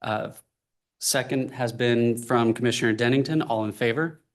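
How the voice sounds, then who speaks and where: A man chairing a city commission meeting, speaking haltingly with many fillers. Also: mid-range voice.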